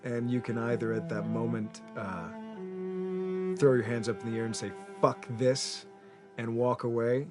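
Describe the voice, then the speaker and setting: A man speaking thoughtfully in an interview, measured and a little halting. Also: mid-range voice, little pitch movement, over loud music. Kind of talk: interview commentary.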